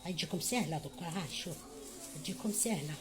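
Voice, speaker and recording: A woman's voice: on the low side, fast. A middle-aged woman with an Algerian Arabic accent giving a home cooking tutorial, chatty and motherly, calling viewers her children and adding blessings. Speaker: home cook.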